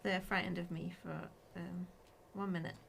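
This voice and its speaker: A woman's voice: lowish voice, flat delivery, normal speed, vocal fry. A woman playing a tabletop game, describing her moves hesitantly with many fillers. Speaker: player. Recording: noticeable background noise.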